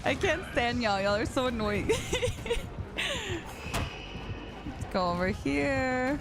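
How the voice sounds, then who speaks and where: A woman in her late twenties streams a game live, chatting easily with viewers, responding to chat, and laughing readily. Her high voice is sing-song and slow, with background music playing beneath it.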